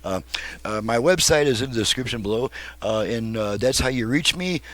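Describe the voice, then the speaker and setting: Presenting his work on car radios, a slightly fatigued repairman gives a loose, folksy, rambling demo. He speaks at normal speed with a medium pitch, a fairly bright tone, and lively intonation.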